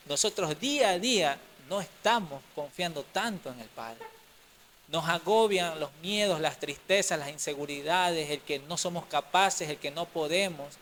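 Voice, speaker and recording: A male pastor preaching a sermon, moving from loud emphatic lines to quiet, hushed ones. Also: on the high side, slight background noise. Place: church.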